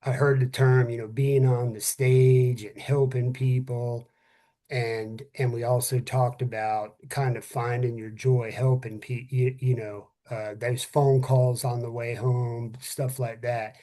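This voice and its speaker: A middle-aged man co-hosts a first responder podcast, talking earnestly and candidly with friends in a casual, heartfelt way, swearing freely. His mid-range voice is mellow and level, and he speaks a little slowly.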